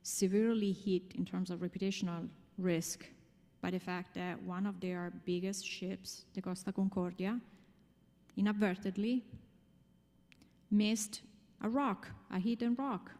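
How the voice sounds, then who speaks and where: With an Italian accent, a conference speaker from Italy addresses a large room, emphatically explaining her material and regularly tossing out rhetorical questions. She has a medium-pitched, darkish voice, captured with long hall reverb.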